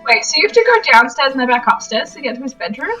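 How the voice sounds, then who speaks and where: A young woman co-hosting a let's-play, rambling relaxed and full of "like" as she explores the game. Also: sits high, fast talker, far from the mic, faint music behind, low-quality recording. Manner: relaxed, rambling, uses "like" a lot. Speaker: co-host playing a game. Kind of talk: casual let's-play chat.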